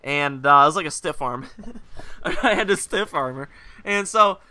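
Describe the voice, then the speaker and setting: Sounding hungover, his voice a touch rougher and lower than normal, a young man hosting a gaming video meanders through a story over gameplay, cracking jokes and filling gaps with asides. His delivery is very bright, crisp and fairly high, with lively intonation at a measured pace, captured close with no echo.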